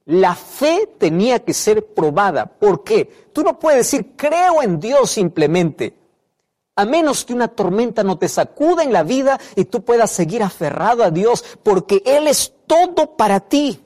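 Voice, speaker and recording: A man's voice: high voice, big pitch swings, unhurried, a little mellow. Emphatic male preacher in a reverberant hall. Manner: emphatic, repeats key phrases, asks the listener questions. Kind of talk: sermon.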